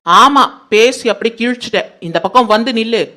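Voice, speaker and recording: A woman doing a sharp-tongued domineering aunt. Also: fairly high pitch, normal speed. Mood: scolding. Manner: scolding, haughty.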